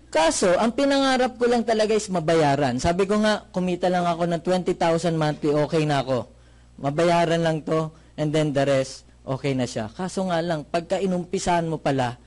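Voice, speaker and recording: Filipino guy telling his story to a crowd, higher voice, jokey and lively, keeps asking questions. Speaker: motivational speaker giving a testimony. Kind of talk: testimonial talk to a live audience.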